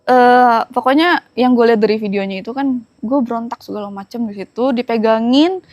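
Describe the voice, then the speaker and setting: A young woman with a Jakarta accent casually recounting a story as a guest, chatty and laughing, often halting on fillers. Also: a little high, a little mellow, no room sound. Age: young adult.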